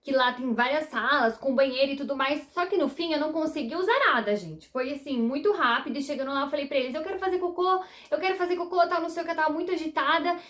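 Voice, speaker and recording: A young Brazilian woman with a Brazilian Portuguese accent, telling her viewers a personal story in a chatty, animated way. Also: high-pitched, fast talker, few pauses. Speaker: vlogger.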